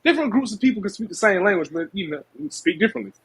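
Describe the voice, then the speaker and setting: Husky man, fairly high voice, blunt heated podcast talk, cursing freely. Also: animated, racing. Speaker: podcast host. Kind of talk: casual chat. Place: home, on a video call.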